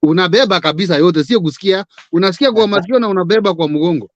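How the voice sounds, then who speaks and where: A man's voice: high-pitched, racing, no room sound, muffled recording. A Kenyan man talking politics as a guest, emphatic and full of rhetorical questions, switching between English and Swahili. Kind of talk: live-stream political chat.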